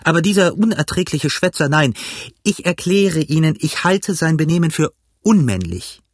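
A man's voice: a little high, expressive, moderate pace, no room sound, clean studio sound, pitched above the performer's own voice. A man voicing an indignant, blustering country squire in an audiobook reading. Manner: indignant, emphatic.

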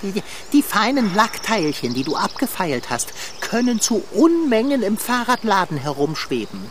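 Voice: mid-range voice, big pitch swings, moderate pace, slight background noise, lightly acted. A performer voicing a male tomcat in a radio play, a theatrical, know-it-all novelist with a gloomy, lofty way of talking, heard outdoors. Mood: alarmed. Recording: outdoor nature ambience with loud crickets. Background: crickets and insects in the countryside.

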